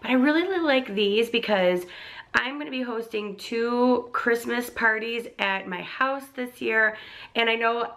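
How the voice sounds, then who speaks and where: Her voice is medium in pitch, creaky, and fairly bright in tone. The speaker is a young woman vlogging about a shopping haul while getting over laryngitis, slightly crackly, chatty and gushing with plenty of likes and ums.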